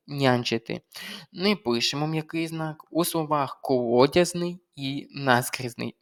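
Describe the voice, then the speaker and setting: A language tutor giving an exam-prep grammar lesson, spelling out letters one by one and dictating lists of example words. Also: medium pitch.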